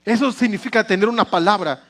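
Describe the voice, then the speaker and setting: High-voiced, joking pastor. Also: male voice, fast. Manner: humorous, lively, mixes in English phrases. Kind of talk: sermon. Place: church.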